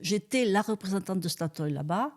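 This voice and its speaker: A woman's voice: mid-range voice, expressive, a little fast, a little mellow. An older woman with a southern French accent, telling stories as a guest in a chatty way with frequent laughs. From Tarn, southern France. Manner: chatty, laughs often, colloquial fillers. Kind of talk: relaxed storytelling interview.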